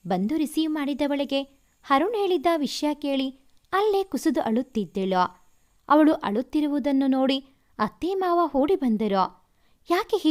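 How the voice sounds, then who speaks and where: A woman reads a family love story aloud and now and then turns to her listeners directly. Her voice is high and animated, with a wide, lively swing in pitch. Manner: warm, addresses listeners directly. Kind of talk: storytelling narration.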